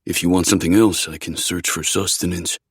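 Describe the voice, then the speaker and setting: Male actor as an angelic immortal warrior, very low voice, husky, flat monotone, dry audiobook sound. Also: fairly quick, dry recording. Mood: calm, caring. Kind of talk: audiobook dialogue.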